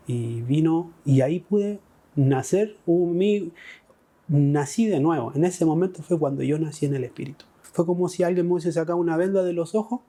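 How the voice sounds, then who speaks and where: A man's voice: fairly high pitch, mellow. A middle-aged man with a Chilean Spanish accent, telling his personal faith testimony with emotional, repeating phrases. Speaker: testimony speaker.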